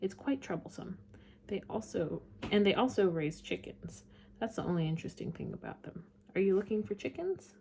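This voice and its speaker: A woman voicing a wild, worldly fox in a storybook reading, speaking plainly and loudly, with a knowing tone. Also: sits high, lively intonation, normal speed, creaky, slight background noise. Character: wild fox, wary, matter-of-fact, worldly.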